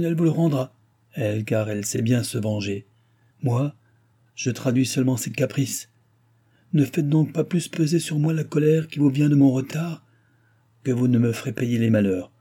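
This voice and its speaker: A man's voice: medium pitch, mellow, husky, voice pushed up, natural voice. A man reading aloud, voicing a grave, menacing sorcerer who speaks solemnly.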